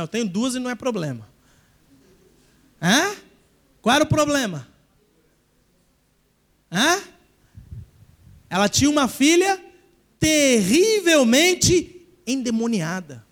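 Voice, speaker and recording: A man preaching a sermon in a church, leading the congregation in call-and-response and shouting at the peaks. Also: extremely high pitch. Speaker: pastor.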